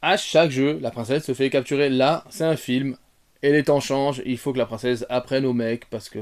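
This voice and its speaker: A man giving an off-the-cuff film review, rambling with many fillers and restarts, talking straight to his viewers and jumping from soft asides to loud outbursts. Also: mid-range voice, fairly even intonation, normal speed. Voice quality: bearded. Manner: addresses viewers directly. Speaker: retrogaming YouTuber.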